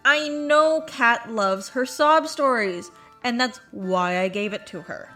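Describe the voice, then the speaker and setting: A woman's voice: fairly high pitch, slow, fairly bright tone, faint music behind. Blunt teasing medical student, voiced by a woman. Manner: blunt, teasing, matter-of-fact.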